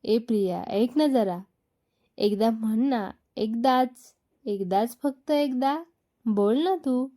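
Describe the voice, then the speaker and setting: A woman's voice: on the high side, takes it slowly, long pauses, mellow. A woman voicing a young husband in a read-aloud story, pleading and petulant.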